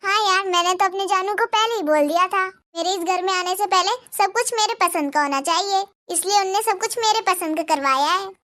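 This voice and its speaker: A woman's voice: extremely high pitch, fairly quick, few pauses, sharp tone. A woman voicing a spoiled, scheming young wife in a Hindi cartoon, bossy and boastful.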